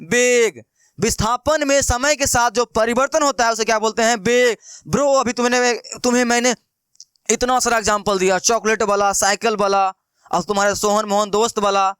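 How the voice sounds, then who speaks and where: A man's voice: extremely high pitch, moderate pace, a bit bright, smooth, no room sound, clean studio sound. A young man teaching math in a casual classroom style, chatty and playful, who keeps asking questions and answering them himself. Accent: Bihari Hindi. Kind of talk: casual classroom lesson explaining with everyday examples.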